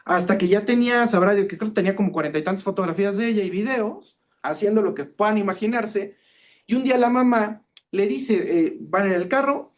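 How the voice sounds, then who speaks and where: A man's voice: sits high, brisk. A man with a Mexican Spanish accent, a cybersecurity expert giving a talk and telling case stories, acting out the dialogue as he goes. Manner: lively storyteller, acts out quoted dialogue. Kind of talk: conference talk with anecdotes.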